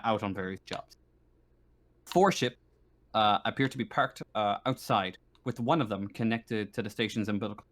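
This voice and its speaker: A man with a mid-range voice serves as game master for a tabletop roleplaying game. He narrates haltingly, searching for his words as he goes.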